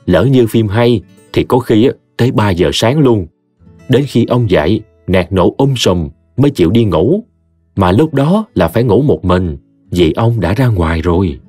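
A man with a Mekong Delta Vietnamese accent narrating a humorous story in a lively, expressive way. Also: lowish voice, measured pace, no echo. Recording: dry close studio voice, soft music behind.

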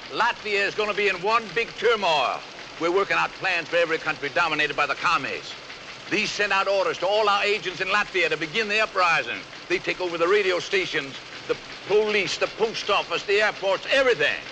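Loud-mouthed scheming old general, high voice, hissy film track. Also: male voice, fairly quick. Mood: boastful. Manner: boastful, commanding. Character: bombastic scheming anti-communist general, older man. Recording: noisy old film soundtrack.

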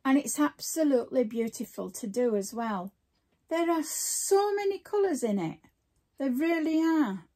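A woman's voice: sits high, very animated, measured pace, mellow. An older woman, chatting casually as she shows off craft supplies at home, rambling and breaking off mid-sentence. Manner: chatty, rambling, self-interrupting. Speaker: crafting vlogger. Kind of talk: casual show-and-tell chat.

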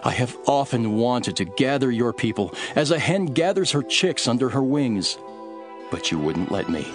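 An actor playing Jesus as a solemn, earnest teacher in a dramatized scripture reading, speaking in a measured, emphatic, preaching way. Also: male voice, medium pitch, big pitch swings, lightly acted. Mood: sorrowful warning. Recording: music behind the voice.

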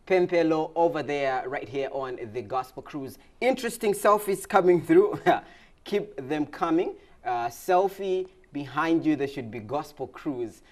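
A man hosting a casual interview show, upbeat and quick to laugh. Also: on the high side, animated. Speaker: host.

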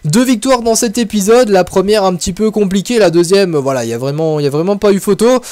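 A man hosting a gaming video, giving casual, excitable commentary as he plays a football game and talks his thoughts aloud. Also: high voice, quick pace, no echo. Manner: chatty, excitable, thinking aloud.

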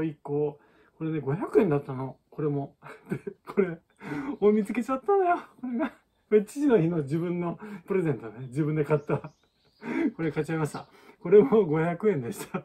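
A man's voice: on the high side, warm tone, husky. A man teaching balloon art in a chatty, casual way and laughing often. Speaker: balloon artist. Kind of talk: casual tutorial chat.

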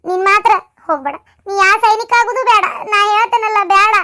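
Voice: extremely high pitch, fast talker, pushed and bright, full character voice. A performer voicing a worried village mother with a North Karnataka accent, pleading with her only son in a cartoon. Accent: North Karnataka Kannada. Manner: pleading, insistent. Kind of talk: cartoon voice acting.

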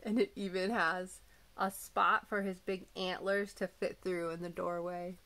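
Slow, bright-voiced woman reading to children. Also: on the low side, little pitch movement, a little hiss or hum. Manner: slow, clear, gentle storytelling with asides. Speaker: teacher. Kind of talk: storybook read-aloud for young children.

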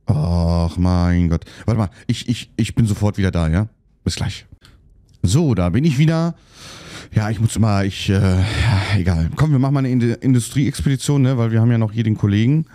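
A man's voice: on the low side, moderate pace, warm tone, no room sound. A man chatting casually while playing a game, muttering to himself and getting annoyed easily. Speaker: let's play host. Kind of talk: casual gameplay commentary.

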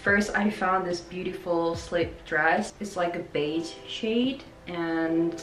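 A woman's voice: fairly low pitch, slow pace, a bit bright. A woman, chatting casually to camera about clothes she bought, full of "like" fillers. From South Korea. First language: Korean. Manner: chatty, many "like" fillers, upbeat. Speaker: fashion vlogger. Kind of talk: casual try-on haul talk to camera. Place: plain indoor room by a wall. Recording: echoey room with music bed.

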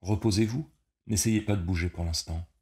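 A man's voice: on the low side, moderate pace, darkish tone, natural voice. A man voicing a stern police commissioner who speaks in a cold, distrustful manner. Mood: coolly calm. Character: stern middle-aged male police commissioner, cold and suspicious.

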